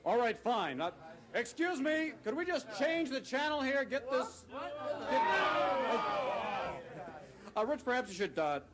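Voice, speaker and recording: A man's voice: very high voice, sing-song, measured pace, long pauses, very noisy, heavily acted. A man playing a stiff, reluctant field reporter. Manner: hesitant, formal reporter phrasing. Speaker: comic reporter character.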